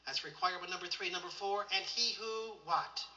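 High, bright-voiced preacher in an echoey hall. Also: male voice, brisk. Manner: leads the congregation in repeated declarations; directs listeners to underline verses. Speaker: pastor. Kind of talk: church teaching with call-and-response. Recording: echoey, distant, dull lo-fi sound.

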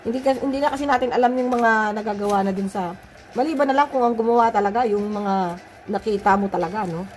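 A woman's voice: on the high side, fast, slight background noise. Chatty Filipino woman vlogging while sick. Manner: chatty, addresses viewers as guys. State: sick with flu, voice changed. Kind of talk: casual cooking and gardening vlog.

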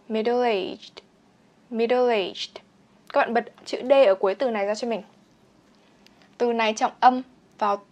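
A young woman teaching English vocabulary, explaining in Vietnamese and slowly repeating each English word for pronunciation practice. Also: on the high side. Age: young adult. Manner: repeats words slowly and clearly for drilling. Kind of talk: bilingual vocabulary lesson with pronunciation drills.

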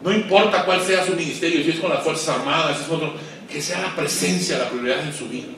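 A man preaching a sermon to pastors, swinging between loud emphatic peaks and low quiet asides and asking the audience questions. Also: fast, crowd noise. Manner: asks the audience questions and waits for replies. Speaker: guest pastor. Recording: echoey hall, voice far from mic.

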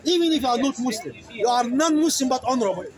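High-voiced fiery man at an outdoor soapbox. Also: expressive, poor audio. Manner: fiery, emphatic, calls listeners "brother"; halting non-native English, searches for words. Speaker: street speaker debating a crowd. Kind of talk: open-air soapbox debate. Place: outdoor public speaking area in a city. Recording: outdoor crowd noise. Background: crowd of listeners around him.

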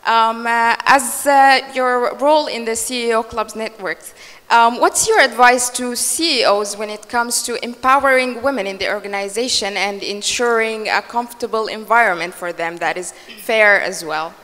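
A woman's voice: on the high side, moderate pace, a bit bright. A woman moderating a conference panel, polite and hesitant with many fillers, into a handheld mic. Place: large conference hall stage. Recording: reverberant hall.

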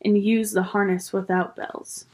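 A woman's voice: mid-range voice, flat delivery, measured pace, background noise, lightly acted. A woman voicing a cruel witch queen in a storybook reading, cold and commanding. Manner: cold and terrible.

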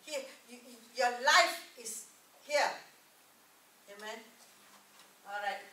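A middle-aged woman preaches a sermon in a church meeting room with a projector screen, repeating key words and calling "Amen?" out to the room. Her voice is on the high side, slow, pushed and bright. A distant camera mic captured it, so the audio is echoey and far away.

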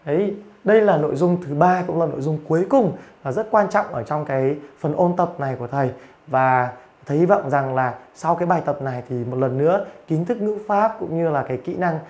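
A man's voice: on the high side, brisk, a little mellow. A man teaching, giving an online grammar and pronunciation lecture and explaining patiently with frequent fillers. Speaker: English teacher.

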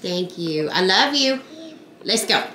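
A woman's voice: on the low side, expressive, takes it slowly, bright, forceful tone, a little hiss or hum. A woman, a mother chatting casually in a family vlog and talking sweetly to her small daughter.

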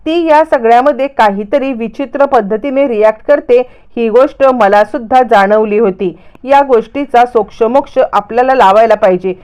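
A woman's voice: fairly high pitch, normal speed, darkish tone, clear, resonant tone, natural voice. A woman voicing a concerned young man who earnestly voices his suspicions.

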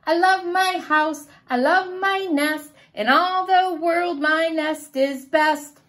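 Woman reading aloud, doing a storybook mother bird, calm, contented, low gentle voice, soft and measured. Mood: sing-song.

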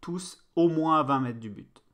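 A man streams a football management game, talking casually and excitably with bursts of play-by-play and some swearing. His voice is a little high and his pace measured.

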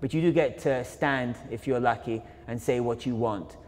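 A man's voice: mid-range voice, normal speed, darkish tone. A young man, a photographer and filmmaker, giving an informal illustrated talk in a university auditorium, reflective and full of fillers and self-corrections. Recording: long reverb of a lecture hall.

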